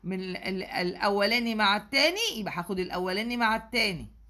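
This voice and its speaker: A woman's voice: mid-range voice, quick pace, bright, forceful tone. A woman with an Egyptian accent, a math teacher working through exam questions and checking in with students often. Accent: Egyptian Arabic. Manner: patient, asks "okay?" often. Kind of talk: explaining exam answers.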